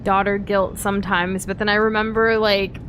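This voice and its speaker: A woman's voice: mid-range voice, level tone, normal speed, a bit bright, a little hiss or hum. A young woman from the United States co-hosting a game stream, chatting candidly and reading viewer comments, with lots of fillers and restarts. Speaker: streamer co-host. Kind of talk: casual gameplay chat reading viewer comments.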